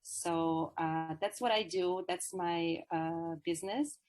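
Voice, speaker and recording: Low, even-toned woman. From Ukraine. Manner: earnest and measured, with frequent "uh" fillers. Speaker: guest, Ayurveda yoga therapist. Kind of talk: interview answers.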